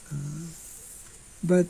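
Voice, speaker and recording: Speaking into a stand mic in front of him, an older monk gives an informal scripture class outdoors. His voice is fairly high and mellow, and he talks slowly and haltingly, clearing his throat often.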